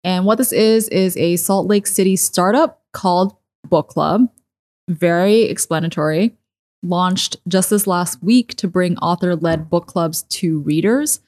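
Low-voiced woman podcast co-host. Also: a little slow, darkish tone. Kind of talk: casual chat. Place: kitchen table in a living room.

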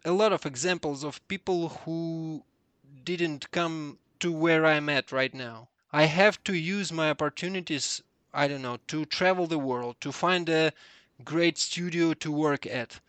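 Higher-voiced Russian man chatting earnestly. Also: measured pace, fairly bright tone, no echo. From southern Russia. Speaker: interview guest, 3D artist. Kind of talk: casual conversation.

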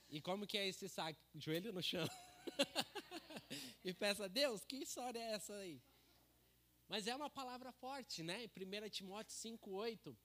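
A man's voice: a little high, fairly bright tone. A man giving a casual church sermon into a handheld microphone, chatty and joking, with many tag questions. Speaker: preacher.

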